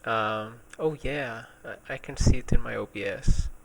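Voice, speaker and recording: Man, streamer, hesitant and stammering, one-ear audio on the left only, gravelly fry. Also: medium pitch, steady tone, moderate pace, fairly bright tone, low-quality recording. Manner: hesitant, stammering with many ums and repeated words. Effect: voice heard in one ear only, left channel. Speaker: streamer hosting a live stream. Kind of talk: casual live-stream chat. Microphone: streaming desk mic, fault sends it to one side.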